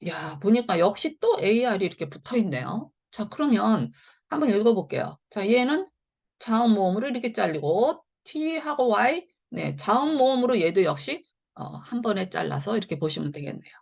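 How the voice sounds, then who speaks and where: A woman's voice: mid-range voice, big pitch swings, normal speed, gravelly, a little mellow, breathy edge, lo-fi sound. A woman teaching English phonics in a chatty, step-by-step online lesson. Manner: chatty, repeats "자" and "네" often, explains step by step.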